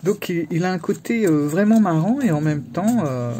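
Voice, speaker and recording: With a warm, expressive voice on the low side, a woman vlogs about her tarot decks in a relaxed, stop-start way, often pausing and cutting herself off. A little hiss or hum sits under the recording.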